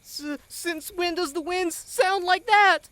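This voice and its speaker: A woman's voice: extremely high pitch, slow pace, fairly bright tone, no echo, exaggerated voice. A woman voicing a jittery young animal who scares easily and stutters. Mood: nervous. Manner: nervous, stuttering.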